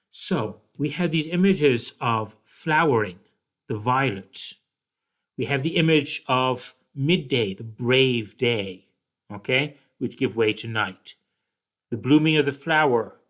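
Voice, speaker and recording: A man's voice: mid-range voice, fairly bright tone. A man teaching a poetry lesson, explaining carefully and often checking in with "okay?", with some restarts and "uh" fillers. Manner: slow, deliberate explaining with frequent "okay?" check-ins. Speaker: literature teacher. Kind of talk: recorded poetry lecture.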